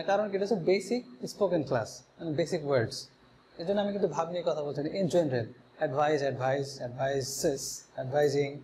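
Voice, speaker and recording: High-voiced man teaching English words. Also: darkish tone, a little hiss or hum. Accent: Bangladeshi Bengali. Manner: drills words and spellings, asks and answers his own questions. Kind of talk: spoken English lesson.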